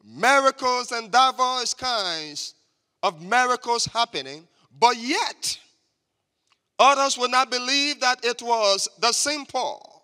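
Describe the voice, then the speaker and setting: A man preaches a slow, deliberate sermon in a high, bright voice. He stresses his points and calls on the congregation to repeat his words. His voice rings with a long church reverb. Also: lively intonation, clear, resonant tone. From Liberia. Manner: emphatic, has the congregation repeat after him. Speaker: guest preacher. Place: church sanctuary.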